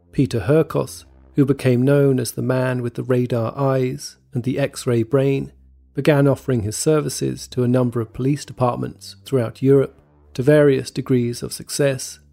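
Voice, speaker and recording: A man narrating a scripted true story in a measured, even storytelling manner. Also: mid-range voice, vocal fry. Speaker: podcast narrator. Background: faint background music.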